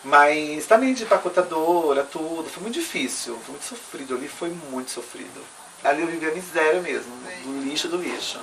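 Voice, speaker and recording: A woman's voice: deep voice, animated, fairly quick, background noise. Earnest São woman telling her story. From Brazil. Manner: earnest and emotional, full of tag questions. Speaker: interviewee. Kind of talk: personal life story told in an interview. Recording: distant mic with faint room ambience.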